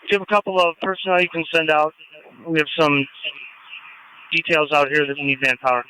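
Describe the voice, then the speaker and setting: A man's voice: a little high, fairly even intonation, brisk, sharp tone, rough recording. A man working as a fire incident commander, giving directive instructions over a two-way radio. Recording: live fire scanner radio transmission.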